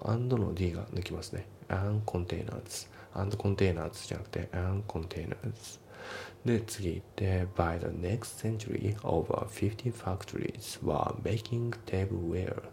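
Low gravelly male English tutor. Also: dark tone, a little hiss or hum. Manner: methodical, reads English lines slowly then explains in quick Japanese. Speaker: English teacher. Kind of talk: explaining English test sentences.

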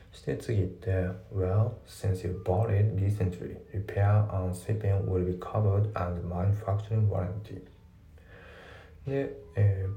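A male English teacher explaining grammar and pronunciation step by step, reading example sentences slowly. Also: fairly low pitch, creaky, warm tone, slight background noise. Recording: echoey room, distant mic.

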